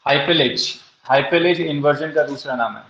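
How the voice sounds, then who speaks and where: In an echoey, dull, lo-fi room, a man with an Indian English accent gives an exam-prep lecture on English literature. His voice is on the high side and fairly bright, a little slow, and he poses rhetorical questions only to answer them himself.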